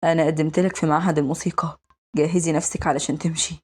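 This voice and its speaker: A woman doing a low, curt Egyptian mafia boss. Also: flat delivery, racing, darkish tone, breathy edge. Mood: firm. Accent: Egyptian Arabic. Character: cold, protective adult male mafia boss.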